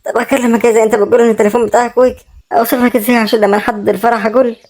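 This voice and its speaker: A woman's voice: a little high, flat delivery, rapid-fire, darkish tone. A woman playing a guilty, pleading Egyptian sister. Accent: Egyptian Arabic. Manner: pleading, apologetic. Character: grateful, guilt-ridden younger sister about to marry. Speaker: actor in a web drama.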